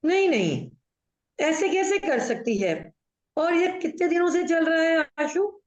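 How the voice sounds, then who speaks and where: A woman's voice: very high voice, lively intonation, measured pace. Woman playing a bossy gossipy aunt. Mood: scolding. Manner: mixes Hindi with English, gossipy storytelling. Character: chatty, bossy middle-aged aunt, fussing over family. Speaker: aunt in a Zoom play. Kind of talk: amateur stage acting over video call. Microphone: video call audio. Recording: echoey room, dull muffled audio.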